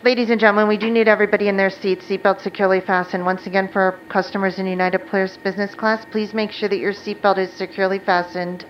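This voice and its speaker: A woman giving a plane cabin announcement over the PA loudspeaker, chatty and a little loose with her phrasing. The sound is muffled and lo-fi, with a faint hum of the aircraft cabin behind her. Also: medium pitch, flat delivery, fast, hardly any pauses. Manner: loose, chatty delivery with added fillers. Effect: cabin public-address loudspeaker. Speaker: flight attendant. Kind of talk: in-flight PA announcement. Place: airplane cabin.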